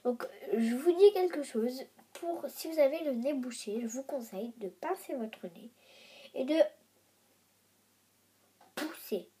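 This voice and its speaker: A young beauty vlogger with a high voice sounds nasal and congested, her nose blocked by a cold. She's expressive and breathy-edged yet mellow, speaking at a measured pace with long pauses. Chatty, informal and self-deprecating, she shows off homemade makeup in a casual vlog.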